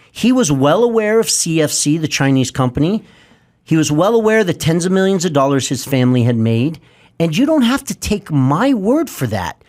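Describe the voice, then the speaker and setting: A man in his fifties, a guest in an interview, speaking in an intense, insistent way with lots of detail. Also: a little high. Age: 50s.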